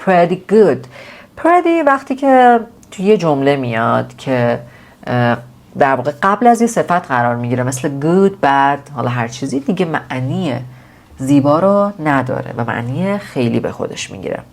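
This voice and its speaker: A woman with a Persian accent teaching English phrases in a casual lesson, repeating each model phrase slowly and clearly. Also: deep voice, big pitch swings.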